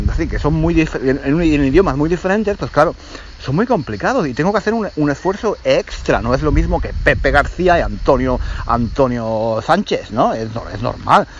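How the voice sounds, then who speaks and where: A man's voice: on the high side, sing-song, normal speed. A man in his forties from Spain, with a Spanish accent from Spain, telling a story casually to language learners as a teacher. He talks hesitantly, with frequent restarts and check-in questions. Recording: slightly muffled lo-fi audio with faint noise.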